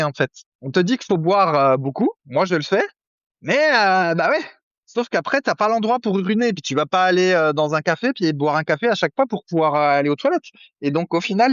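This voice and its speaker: A man's voice: high voice, fairly bright tone, dry recording, muffled recording. A man co-hosting a nutrition podcast, chatting casually with many fillers and jokey asides. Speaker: podcast co-host. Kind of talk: casual chat.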